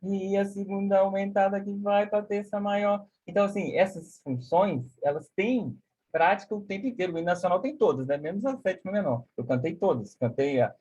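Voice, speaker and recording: A man's voice: high-pitched, brisk, a little mellow, slightly rough, muffled recording. A man giving a live online music lesson, explaining concepts with many "né?" and singing solfège syllables. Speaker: music teacher. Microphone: video call.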